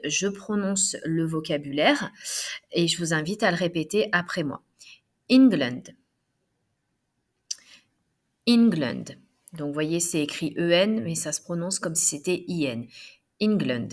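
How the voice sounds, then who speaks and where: A woman teaching English vocabulary, modelling each word clearly for students to repeat. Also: fairly low pitch, a bit bright. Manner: slow, deliberate, exaggerated stress on modelled words. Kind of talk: pronunciation lesson, modelling words for repetition.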